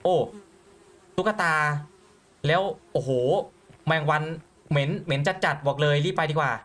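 A man's voice: fairly high pitch, unhurried. Jumpy young man narrating a horror game. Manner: excitable, jumpy, stammers repeated words. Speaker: gaming YouTuber. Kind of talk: let's play commentary.

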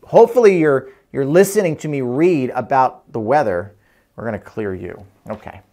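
An American man in his thirties reads aloud to young children, explaining things simply in an animated way with chatty asides. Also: medium pitch, moderate pace. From United States, Atlantic City area. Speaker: children's book reader and weather presenter. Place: indoor studio in front of a green screen.

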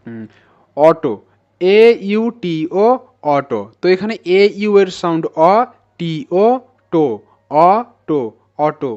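A man's voice: on the high side, darkish tone, muffled recording. Man spelling out phonics step by step. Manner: spells words out letter by letter, repeats sounds slowly. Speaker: English teacher. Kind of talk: phonics lesson.

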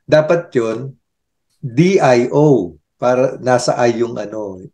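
An older man co-hosting a casual chat, thinking aloud with halting restarts. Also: mid-range voice, warm tone. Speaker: co-host.

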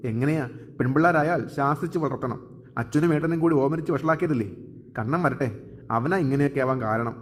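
A man's voice: on the high side, fairly quick, close to an everyday voice. A man voicing an older, strict mother who scolds and nags. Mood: scolding. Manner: scolding, nagging. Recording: long hall reverb.

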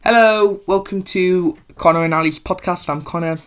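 A man's voice: sits high, normal speed, smooth. A man co-hosting a casual football podcast. He rambles, with many fillers and restarts. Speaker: podcast co-host.

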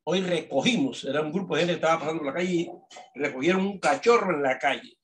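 A male teacher giving a remote lesson. He speaks slowly and with emphasis, and he keeps asking "¿verdad?" to check that students follow. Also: on the high side, a bit bright. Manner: repeats "¿verdad?" often, slow emphatic dictation.

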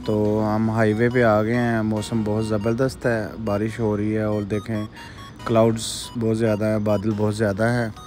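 A man from Pakistan, casually narrating a road trip from inside a car in a relaxed, polite way. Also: lowish voice, normal speed, faint music behind. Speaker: travel vlogger. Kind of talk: casual travel vlog narration. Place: in a car on a highway.

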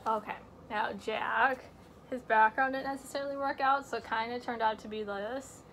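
A high-voiced teenage girl hosts a vlog, chatting casually at a moderate pace with fairly even intonation and some vocal fry. She jokes, tosses in self-mocking asides, and drops to a hushed whisper when showing things up close. The setting is a room at home with shelves, and there's a little hiss or hum.

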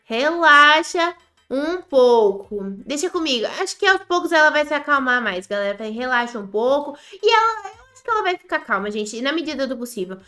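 A woman with a Brazilian Portuguese accent giving chatty, excitable commentary on a game she is playing, often talking straight to her viewers. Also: sits high, fast, hardly any pauses. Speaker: gaming YouTuber. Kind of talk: Roblox gameplay commentary.

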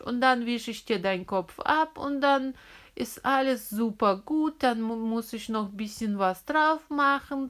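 A woman plays a soothing female emergency doctor in a toy-figure children's story. The doctor talks slowly and reassuringly. The voice sits fairly high for a woman. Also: a bit bright.

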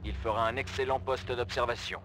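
A man's voice: medium pitch, steady tone, fairly quick, lightly acted. A man playing a clipped clone commander. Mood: commanding. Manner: clipped military orders. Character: adult male clone commander giving orders. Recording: game audio under loud music.

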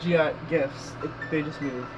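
A man's voice: fairly high pitch, steady tone, normal speed, highs cut off, music in the background. A young man in casual, teasing reaction chat, with some swearing. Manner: foul-mouthed, teasing. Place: small dim bedroom.

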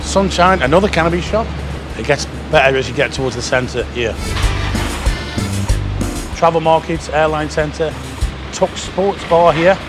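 A little slow and pausing often, a man in his fifties with a slightly high voice guides viewers on foot through busy city streets for his vlog. He chats as he points out shops and bars, with an action camera either worn or held. Street sound and background music mix in the recording.

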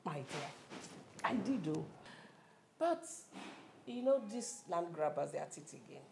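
A woman's voice: deep voice, very animated, measured pace, gravelly, darkish tone, roomy sound, slight background noise, heavily acted. An actress playing a mother explaining a family matter, in a drama series.

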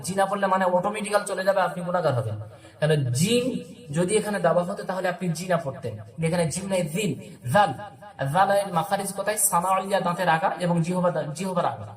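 A man with a fairly high voice teaches tajweed in a roomy, echoing space. He chants each phrase slowly and deliberately, then switches to brisk spoken explanation. He speaks with a Bangladeshi Bengali accent. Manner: drawn-out slow recitation alternating with quick explanation. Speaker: Quran recitation teacher. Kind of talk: tajweed lesson with slow demonstrations.

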